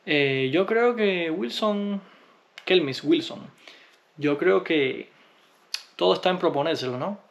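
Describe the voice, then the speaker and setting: A man from Cuba, answering viewer comments in a relaxed, unhurried vlog, often pausing with hesitations. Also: on the high side, gravelly, highs cut off. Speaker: vlogger.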